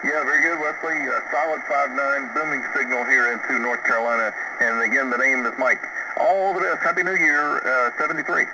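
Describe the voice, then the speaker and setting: A man's voice: medium pitch, fairly even intonation, fairly quick. A man working as a ham radio operator, taking calls over a shortwave radio with an easygoing manner and lots of "uh" fillers, spelling call signs phonetically. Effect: voice heard over a shortwave radio receiver. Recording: noisy, distant shortwave radio reception.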